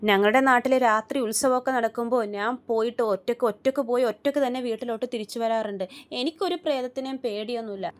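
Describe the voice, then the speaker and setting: A woman voicing a bossy middle-aged aunt who scolds and boasts, talking fast. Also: on the high side, natural voice. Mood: scolding.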